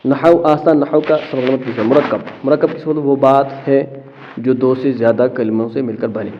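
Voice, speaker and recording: A man teaching a lesson, explaining step by step, asking questions and answering them himself, often pausing with fillers. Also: mid-range voice, fairly even intonation, highs cut off, slight background noise. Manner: asks rhetorical questions then answers them; checks in with listeners, hesitant fillers. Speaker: Arabic grammar teacher.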